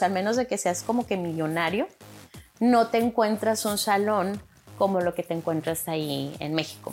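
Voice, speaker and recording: A young woman from Chihuahua, rambling casually as a podcast host and acting out quoted speech. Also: lowish voice. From Chihuahua, Mexico. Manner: rambling, many fillers, acts out quotes. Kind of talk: casual monologue.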